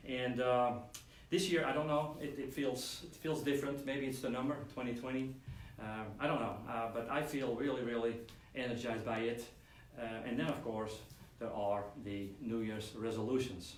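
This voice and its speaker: The host of a weekly model-kit live stream talks in a loose, rambling style, full of fillers and restarts. His mid-range voice has fairly even intonation, a moderate pace and few pauses, and he sits away from the mic in a room with echo and a faint hum.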